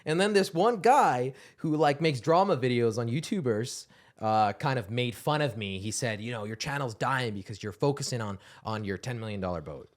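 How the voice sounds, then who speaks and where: A man's voice: mid-range voice, normal speed. A man, co-hosting a podcast in playful, casual chat. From Netherlands. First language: Dutch. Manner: playful, animated, often laughing. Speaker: podcast co-host.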